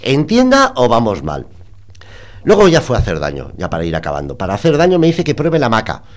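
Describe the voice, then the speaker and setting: Male podcast host from Spain, comic storyteller, animated, with a wide-ranging pitch. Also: rapid-fire. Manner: animated, mock-indignant anecdote telling with laughs.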